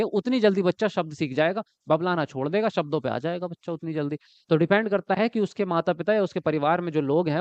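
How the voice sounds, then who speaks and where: Lively male teacher giving an online lesson. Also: high-pitched, smooth, dry recording, lo-fi sound. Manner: lively, repeats words and asks students if they follow. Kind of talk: online exam-prep lecture.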